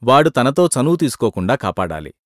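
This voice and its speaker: An earnest young husband, polite yet suspicious, pleads his case in a level, mid-pitched voice, as a man reads him aloud. It is a storybook reading, recorded close and dry with no room sound. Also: big pitch swings, brisk, no echo, natural voice. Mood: pleading.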